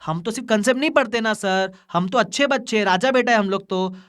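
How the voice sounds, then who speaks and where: A man's voice: sits high, brisk, fairly bright tone. A man voicing an eager, obedient male student who pleads playfully with his teacher. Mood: mock pleading.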